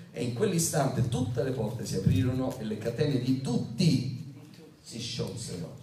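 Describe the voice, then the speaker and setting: A man's voice: mid-range voice, warm tone. A male pastor delivering a sermon, reading scripture aloud, getting the congregation to repeat lines, and making joking asides. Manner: call-and-response preaching, asks congregation to repeat lines. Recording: echoey hall, mic at a distance.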